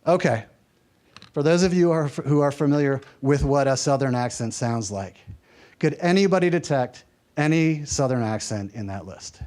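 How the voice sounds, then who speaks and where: A man's voice: medium pitch, animated, moderate pace, a little mellow. A man from the American South presenting a workshop lecture, conversational and lightly humorous, checking in with his audience. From American South, mountain region. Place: workshop room.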